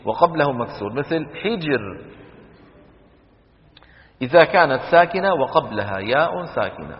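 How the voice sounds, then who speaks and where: A man teaching Quran recitation rules to a class, quizzing students with quick questions and chanting the examples slowly. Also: mid-range voice, expressive. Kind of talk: classroom lesson on tajweed rules. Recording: dull lo-fi recording with long hall reverb.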